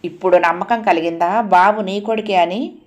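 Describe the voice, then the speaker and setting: A woman reading a calm, kindly old father. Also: mid-range voice, normal speed, muffled recording, lightly acted. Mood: gentle. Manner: calm, gentle.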